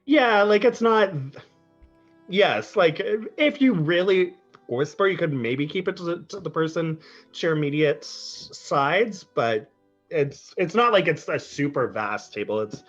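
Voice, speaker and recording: A man narrating as dungeon master, hesitant and filling his pauses with ums. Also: on the high side, lively intonation, highs cut off, faint music behind. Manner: hesitant, lots of um and like. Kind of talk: narrating a tabletop game.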